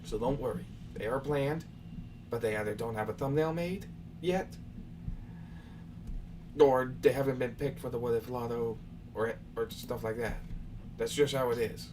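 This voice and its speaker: A young male host takes viewer questions in a relaxed live session, speaking loosely and lecturing with a touch of exasperation. His voice sits at medium pitch, at a moderate pace with many pauses. He is recorded from far off, with faint background noise.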